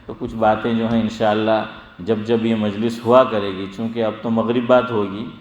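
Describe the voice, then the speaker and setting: A middle-aged religious scholar giving a sermon-style lesson, quizzing his listeners and calling on them by name as he slowly drills pronunciation. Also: fairly low pitch, flat delivery, highs cut off. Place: gathering hall, evening assembly. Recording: echoey hall with long reverb.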